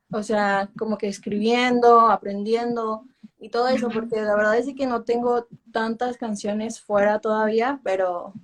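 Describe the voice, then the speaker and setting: A woman's voice: mid-range voice, a little hiss or hum, low-quality recording. A woman in her twenties, a singer talking casually in an interview in Spanglish, dropping English filler words into her Spanish. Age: 20s. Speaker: urban music singer being interviewed.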